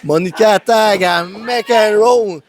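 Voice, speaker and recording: A man with a Quebec French accent doing excitable live play-by-play as a wrestling commentator, full of exclamations. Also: sits high, slow pace. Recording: noisy live event, loud crowd.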